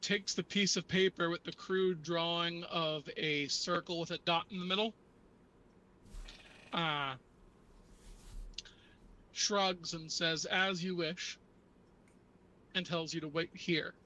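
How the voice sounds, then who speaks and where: A man narrating a tabletop role-playing game as game master, with halting, measured description. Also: fairly high pitch, fairly even intonation, pushed and bright, low-quality recording.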